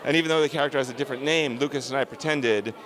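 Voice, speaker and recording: A man's voice: medium pitch, very fast, crowd noise, poor audio. A man, a film director, answering interview questions on a red carpet in an earnest, emphatic, discursive way.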